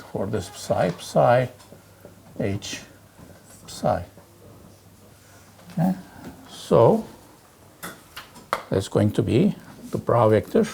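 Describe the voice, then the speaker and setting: A man lecturing on physics, working through exercises aloud in a halting way and peppering his talk with "okay" and "right". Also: mid-range voice, gravelly, warm tone, a little hiss or hum. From Turkey. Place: lecture hall.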